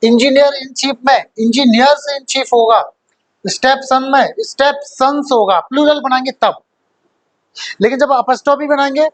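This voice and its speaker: A man's voice: very high-pitched, low-quality recording. Man teaching a grammar class. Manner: quizzes students, repeats key points; mixes English terms into explanations. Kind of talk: classroom lecture.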